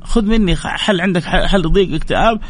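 A man, hosting a casual live stream, reading viewer messages aloud and answering them with blessings and advice. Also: high-pitched. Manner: warm blessings and advice, quick and lively.

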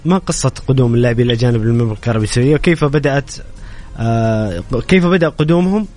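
Very fast-talking male radio host. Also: mid-range voice, darkish tone. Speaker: radio sports show host. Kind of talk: conversational interview hosting.

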